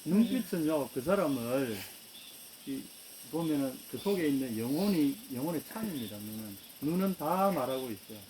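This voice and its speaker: A man preaches a sermon with a Gyeongsang accent and draws his congregation into the story. His voice is mellow and dark at a middle pitch. Faint noise runs beneath. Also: lively intonation, normal speed, poor audio. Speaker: pastor.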